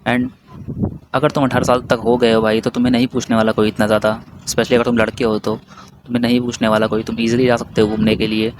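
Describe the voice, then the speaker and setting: A man's voice: medium pitch, little pitch movement, quick pace. A young man from India giving casual, brotherly advice straight to the viewer, repeating his points as he goes. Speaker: vlogger. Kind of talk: casual advice talk to camera. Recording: noisy background hiss.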